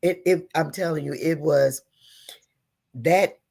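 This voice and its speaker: A woman's voice: low voice, slow pace, gravelly. A middle-aged woman, a pastor's wife and interview guest, telling a personal story earnestly and with feeling. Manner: earnest, animated, leans on endearments like "honey" and "girl".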